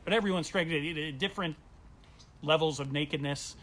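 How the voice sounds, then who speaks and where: A man's voice: a little high, fairly quick. A male comedian telling a funny personal story at home, acting out the voices of the people in it. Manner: animated, acts out quoted voices. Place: at home during quarantine.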